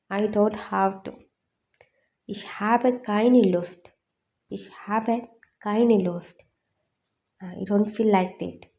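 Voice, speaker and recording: A woman teaching a lesson, saying each phrase twice slowly and then explaining its meaning. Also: medium pitch, dark tone. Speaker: language teacher. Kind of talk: explaining in Malayalam.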